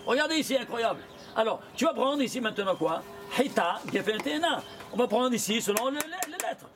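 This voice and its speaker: A rabbi teaching a lively Torah lesson, quizzing his students with quick rhetorical questions and mixing in Hebrew terms. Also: extremely high pitch.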